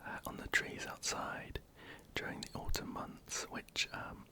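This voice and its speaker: Hesitant whispering ASMR creator. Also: unhurried. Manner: soft, hesitant, many ums and restarts. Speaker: ASMR creator answering viewer questions.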